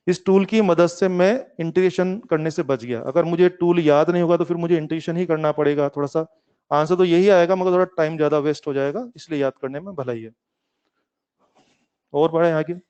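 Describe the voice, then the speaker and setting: In an online class, a man teaches physics playfully, coaxing his students, calling them kids, urging them along, and describing himself as lazy. His fairly high voice is clear and resonant with a darkish tone, and the lecture recording is slightly muffled.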